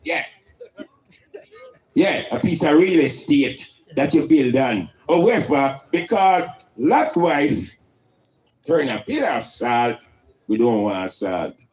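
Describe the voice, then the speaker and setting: A man's voice: medium pitch, sing-song, takes it slowly, long pauses, darkish tone, rough recording. A man with a Jamaican accent speaking in Rastafarian style, preaching and teaching emphatically with rhetorical questions and Rastafari idioms.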